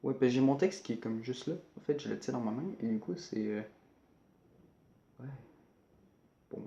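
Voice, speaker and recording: A man's voice: mid-range voice, animated, moderate pace, vocal fry, warm tone. A man from Canada, talking casually through a list of places while reading his notes, full of hesitations and joking asides. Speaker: YouTuber. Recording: roomy, somewhat dull home recording.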